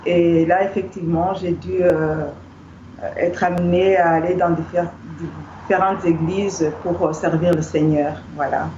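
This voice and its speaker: A woman's voice: lowish voice, fairly even intonation, measured pace, a little mellow. A woman from Rwanda, a guest in a casual discussion, speaking hesitantly with many fillers. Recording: echoey, muffled, faint background noise.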